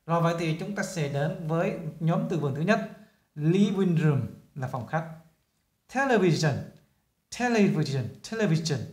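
A man teaching English vocabulary with a Vietnamese accent, saying each word slowly and repeating it two or three times. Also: on the high side, darkish tone, roomy sound. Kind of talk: vocabulary lesson with repeated drills.

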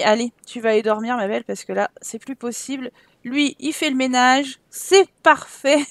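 A woman's voice: high voice, a bit bright, no echo. A young woman giving casual let's-play commentary, chatting to her game characters, bossing them around and laughing often. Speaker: gaming YouTuber.

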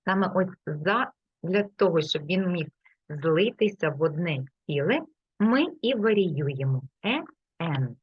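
A patient woman teacher walks a learner through English examples, saying each word slowly and clearly. Her voice sits fairly low. The recording is dull and lo-fi, with a dry sound. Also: expressive, no room sound. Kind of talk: explaining a lesson to a learner.

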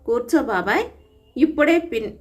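A woman voicing a meek, gentle young bride who speaks softly and affectionately. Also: a little high, expressive, normal speed, lightly acted. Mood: gentle, pleading. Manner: soft, small-voiced and affectionate.

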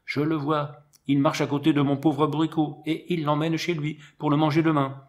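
A man reading an audiobook, voicing a loud, proud villager who bursts out indignantly. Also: sing-song, brisk. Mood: excited. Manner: shrill, indignant outbursts.

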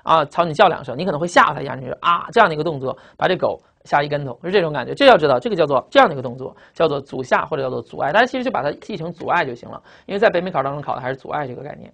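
A man teaching English vocabulary to exam students. He repeats each word and its meaning, tags lines with "ah", and keeps asking the class quick questions. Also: a little high, gravelly, a bit bright.

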